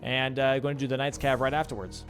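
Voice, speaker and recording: A young male caster with a medium-pitched, fairly bright voice calls a live esports match quickly and flatly. He's casual and slangy, chatting with his stream chat between plays over faint background music.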